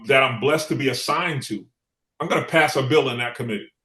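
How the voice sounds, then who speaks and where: The echoey recording captures a former city council member, a middle-aged New Yorker, as an interview guest. His mid-range voice is a little fast, pushed and bright, and he tells stories conversationally, repeating phrases for emphasis.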